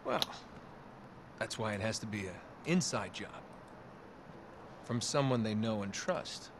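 A man's voice: fairly low pitch, animated, a little slow. An actor playing a cocky, scheming male adventurer in video game cutscene dialogue. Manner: confident, scheming. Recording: game audio with ambient noise.

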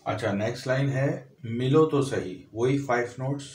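A man's voice: medium pitch, moderate pace, roomy sound. A man teaching a piano lesson, explaining step by step, counting and naming notes aloud. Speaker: music teacher. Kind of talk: piano tutorial.

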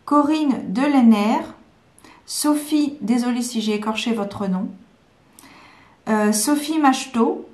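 A woman's voice: a little high, slow, pauses often, darkish tone, echoey room. A woman from France chatting casually to camera at home, hesitant, with many fillers and restarts. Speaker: vlogger presenting planners. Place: home room.

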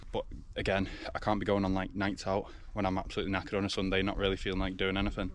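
A man in his twenties with an English accent, chatting casually to a camera as a fitness vlogger. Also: low voice. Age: 20s. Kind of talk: casual vlog chat. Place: outdoors in a forest. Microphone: action camera. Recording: faint outdoor background noise.

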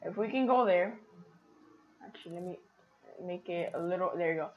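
A woman giving casual, excitable commentary on her own gameplay, talking to her viewers. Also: on the low side, normal speed. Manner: chatty, excitable, talks to viewers. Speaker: gaming streamer.

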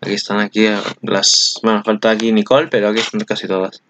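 A man's voice: fairly low pitch, little pitch movement, quick pace, fairly bright tone. A man, chatting casually as channel host in a rambling way, often correcting himself. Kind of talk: casual anime commentary.

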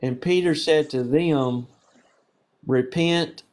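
A man's voice: on the high side, moderate pace, darkish tone. A man with a Southern accent asking questions on the street, patient and probing, reaching for homely examples. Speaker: street interviewer. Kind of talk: casual questioning.

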